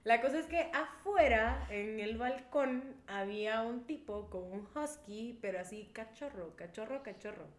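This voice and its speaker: A woman's voice: a little high, a little slow, hardly any pauses. A young woman, a co-host who tells stories in casual chat and laughs along as she goes. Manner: lively storyteller, laughs while telling. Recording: echoey room.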